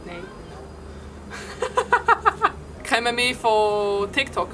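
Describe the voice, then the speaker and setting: A woman's voice: on the high side, very animated, extremely slow. A woman with a Swiss German accent, playing a casual guessing game in a playful, giggly way. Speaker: guest. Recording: distant mic in a noisy place with vehicles.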